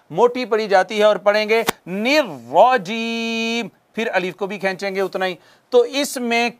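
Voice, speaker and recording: A man teaching a tajweed lesson, patiently explaining pronunciation and drawing out recited words for students to repeat. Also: high-pitched. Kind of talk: slow spoken tajweed lesson with recited examples.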